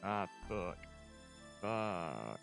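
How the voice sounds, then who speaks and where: A man putting on a glitchy gravelly robot voice. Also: sing-song, extremely slow, over music, heavily acted. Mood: robotic deadpan. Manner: glitchy pitch jumps, spoken while inhaling. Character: jerky male robot, deadpan and unpolished. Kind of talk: casual livestream voice demo.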